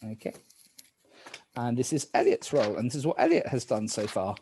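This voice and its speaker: A man's voice: medium pitch, animated, a little fast, mellow, slight background noise. A man hosting a game casually as moderator, giving instructions to the players.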